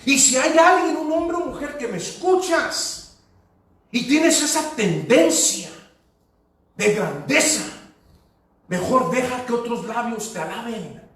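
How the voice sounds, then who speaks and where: High-voiced pastor in echoey church. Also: male voice, expressive, slow pace, a bit bright. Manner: storytelling, switching into English phrases. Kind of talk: preaching a sermon. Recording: echoey hall, voice from far off.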